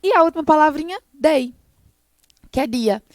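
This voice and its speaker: A Brazilian woman with a slightly high voice teaches an English lesson to children. She explains patiently, checks in with short tag questions, and sounds close and dry on the mic. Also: lively intonation, normal speed, no echo. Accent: Brazilian Portuguese. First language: Portuguese. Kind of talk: recorded online class for sixth graders.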